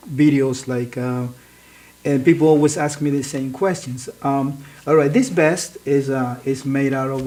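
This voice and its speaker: A man's voice: medium pitch, a little mellow, rough recording. A man from northern Peru, a guest who speaks hesitantly and repeats words. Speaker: interview guest, cast member.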